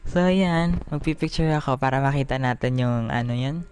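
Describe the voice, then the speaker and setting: A Filipino vlogger chatting casually in Taglish, giggly and animated, talking with missing front teeth. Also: medium pitch, moderate pace, clean tone. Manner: talks with missing front teeth after an extraction; Taglish, mixing English phrases into Tagalog. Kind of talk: casual chatty daily vlog.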